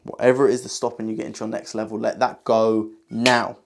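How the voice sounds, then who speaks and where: A man giving a hypnotic induction in a slow, soothing hypnotist voice, repeating calming phrases with pauses. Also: lowish voice, creaky. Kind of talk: hypnotic induction, guided relaxation.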